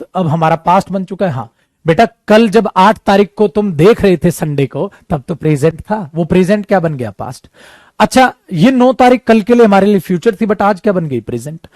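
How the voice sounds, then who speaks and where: Lively Indian grammar teacher, high voice. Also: male voice, dry recording. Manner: lively, scolds and jokes with students; switches into slow English. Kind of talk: classroom grammar lesson.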